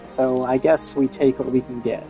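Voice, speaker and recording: A man's voice: mid-range voice, little pitch movement, normal speed, mellow, soft background music, rough recording. A man streaming a role-playing game, chatting casually with wry jokes. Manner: wry, joking. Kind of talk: casual gameplay commentary.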